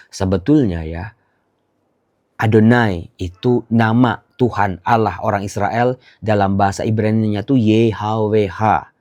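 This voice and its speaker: A middle-aged man, a priest, teaching the Bible in a casual, conversational way and chanting prayer phrases in a slow monotone. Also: lowish voice.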